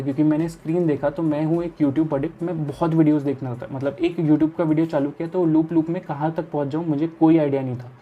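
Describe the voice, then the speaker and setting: A young man from India talks through his study routine in a casual vlog. His voice is mellow and soft-edged, and his manner is easygoing and explanatory. He speaks straight to the viewer. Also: on the high side. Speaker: chartered accountancy student and study vlogger.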